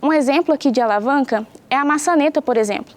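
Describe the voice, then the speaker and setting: Speaking quickly in a high, light voice, a young woman from Brazil leads a science class for schoolchildren learning at home. She goes through each point with clear, patient explanations and keeps asking the kids questions.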